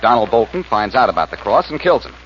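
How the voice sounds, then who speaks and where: An earnest, quick-witted detective hero of vintage radio. His voice is bright, fairly low and very fast, on a dull old recording. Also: sing-song, a little hiss or hum. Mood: persuasive. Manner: insistent, earnest. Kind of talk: 1940s radio acting.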